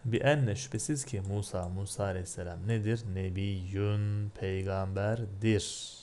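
A man's voice: on the low side, steady tone, measured pace, darkish tone, slight background noise. A man teaching an Arabic religious text word by word, asking and answering his own questions and lifting his voice on recited phrases. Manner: rises sharply when reciting Arabic phrases.

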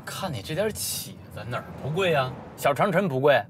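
A showy young groom brags. His voice sits high and swings widely. A long hall reverb and clear music run under the drama scene. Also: very animated, a little fast, slight background noise. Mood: swaggering. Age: young adult. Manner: boastful, showy, exclaiming. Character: boastful young groom showing off. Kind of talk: TV drama acting.

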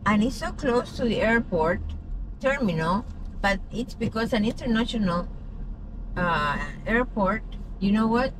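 A woman's voice: a little high, expressive, a little slow. Woman explaining casually over car noise. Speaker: vlog co-host and passenger. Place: inside a car, passenger seat. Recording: noisy moving car interior. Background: car and road noise.

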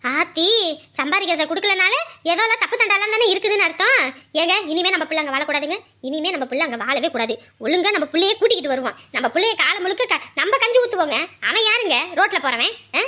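A woman playing a fiery, outspoken middle-aged village mother who scolds fast and loud. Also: very high voice, lively intonation, full character voice. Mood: furious. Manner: loud scolding, rapid-fire outrage. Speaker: mother in a family drama. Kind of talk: web drama acting.

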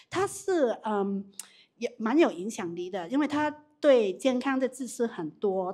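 A woman runs a live business training, her voice sitting a little high. She is animated, asks the room questions and restarts her sentences often, talking straight to the people in front of her. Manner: animated, repeats questions to the audience, frequent restarts. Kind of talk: live training talk with audience Q&A.

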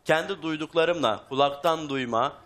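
A man's voice: on the high side, normal speed, fairly bright tone. A man in his thirties, a guest on a studio talk show, arguing defensively and repeating himself. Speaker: guest on a family reunion show. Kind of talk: heated argument.

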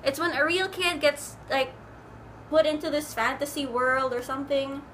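A young woman talks in a casual, rambling way, full of likes and ums. Her voice sits high and sounds bright and crisp. A faint air conditioner hum runs in the room behind her. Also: fairly even intonation, moderate pace. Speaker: book vlogger. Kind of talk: casual chat.

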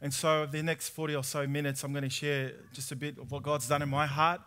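Aussie guy in his 30s telling his testimony to a church crowd, high bright voice, chatty and asks the room questions. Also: level tone, brisk. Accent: Australian. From Sydney, Australia. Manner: conversational, asks the audience questions, prays softly. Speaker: speaker at a church conference. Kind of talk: testimony sermon. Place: large tent hall with audience, indoors.

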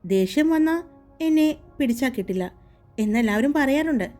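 A hot-tempered young boss speaks firmly and teasingly, a little lower than the storyteller's own voice, as a woman reads him in a romance audiobook. The tone stays mellow and dark rather than bright, with soft music under it. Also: lively intonation, normal speed, close to an everyday voice.

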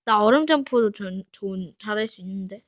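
A woman's voice: medium pitch, animated, fairly quick, no room sound. A woman playing through a parkour map, chatting playfully to herself and her viewers as she goes. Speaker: game streamer. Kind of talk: casual Minecraft parkour playthrough commentary.

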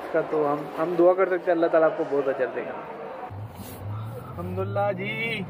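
Male food vlogger, 30s, upbeat chatter, fairly high voice, phone mic over noisy street and car sound. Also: lo-fi sound. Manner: chatty, enthusiastic, peppered with religious blessings. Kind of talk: casual food vlog. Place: restaurant cabin, then inside a car at night. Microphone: handheld phone camera.

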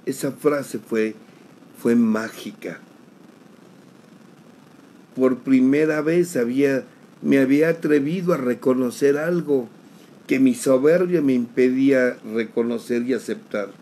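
A middle-aged man, giving an emotional personal testimony at a recovery group, slowly, repeating phrases for emphasis. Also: medium pitch, warm tone, a little hiss or hum, rough recording. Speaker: sharer at a recovery group meeting.

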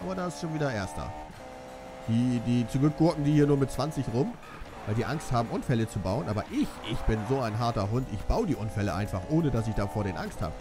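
A man's voice: medium pitch, sing-song, quick pace. A young man giving joking, self-mocking commentary while playing a racing game. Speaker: let's play commentator. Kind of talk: casual gameplay commentary. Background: game music and car sounds.

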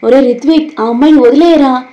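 A woman voicing an outraged young man who scolds his friend in a storybook drama, shouting and scolding. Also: extremely high pitch, fairly quick, muffled recording.

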